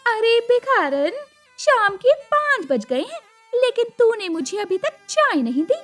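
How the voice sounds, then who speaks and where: A screeching, spiteful mother-in-law for an animated story. She shrieks each taunt high and loud, her pitch swooping wildly, with faint music underneath. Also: a little slow, exaggerated voice. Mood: shrieking abuse. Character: cruel shrill middle-aged mother-in-law. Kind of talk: cartoon story voice acting.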